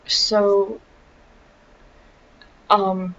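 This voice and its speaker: A woman's voice: medium pitch, little pitch movement, extremely slow, fairly bright tone. A woman giving a casual, chatty book review, wry and full of asides and ums. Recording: dull lo-fi sound with faint noise.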